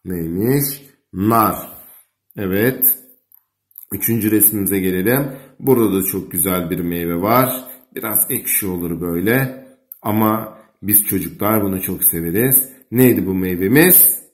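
A man's voice: low-pitched, normal speed. A man teaching young children, dictating simple words with repeats and prompting them with short questions. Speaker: primary school teacher and video host.

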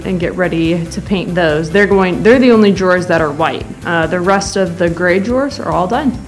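A woman in her twenties casually talking through a painting project, filming herself at arm's length in a basement and garage workshop. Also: mid-range voice. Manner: chatty, relaxed, explaining as she works. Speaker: vlogger. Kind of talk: casual DIY vlog. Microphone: handheld camera at arm's length.

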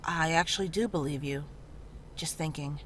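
A woman voices a calm, frank town healer in a horror visual novel, her low voice measured, matter-of-fact and reassuring. The mood is serious and confiding, delivered as character dialogue. Background noise and ambience are clearly audible in the recording.

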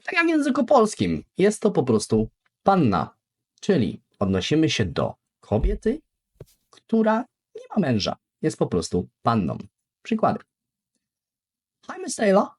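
Slow, animated male language teacher. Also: fairly high pitch, breathy edge. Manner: repeats each word slowly for practice, very lively intonation. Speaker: English teacher. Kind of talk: beginner language lesson.

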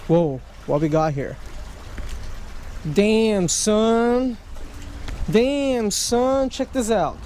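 A man in his thirties vlogs while fishing by a wooded creek, talking extremely slowly and pausing often in a high voice with a darkish tone. He chats to viewers and exclaims over each catch, recorded on a handheld or chest-mounted camera mic with a little hiss or hum.

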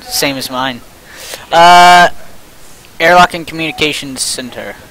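A young man livestreaming a game with a friend, excitable and jokey, reading prompts aloud as he plays. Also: a little high, measured pace, rough recording. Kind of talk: casual gaming chat.

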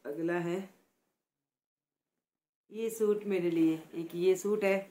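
A woman from Himachal Pradesh talking softly and chattily in a casual vlog, showing gifts and praising them again and again. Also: lowish voice, steady tone, slow. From Himachal Pradesh, India. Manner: chatty and affectionate, repeats words of praise; speaks softly, close to the mic. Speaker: vlogger.

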